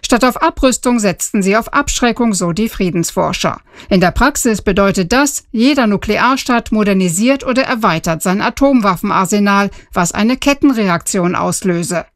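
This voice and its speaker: A woman's voice: mid-range voice, lively intonation, normal speed, hardly any pauses, dry recording, clean studio sound. A woman reading a scripted news report for radio.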